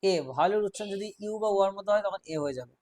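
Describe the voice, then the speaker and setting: A man teaching an English grammar class, explaining rules step by step, quizzing his students and reading example sentences out slowly. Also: high voice, darkish tone, dry recording.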